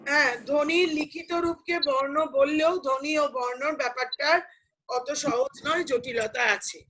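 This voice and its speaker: A woman's voice: high-pitched, fairly even intonation, normal speed, fairly bright tone, low-quality recording. A woman teacher explaining grammar to students, patiently asking questions and answering them herself. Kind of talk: online class lecture.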